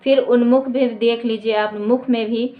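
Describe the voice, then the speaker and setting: A woman teacher giving a grammar lesson at a board. She asks her students questions and answers them herself, and she repeats each definition slowly. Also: on the high side, fairly even intonation. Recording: echoey dull lo-fi room recording.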